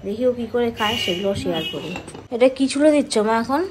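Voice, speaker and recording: A young adult woman vlogging in a casual, chatty way, speaking softly and sparingly because of a sore tooth, and teasing her family. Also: fairly high pitch, animated, quick pace, noisy background. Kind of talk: casual vlog chat.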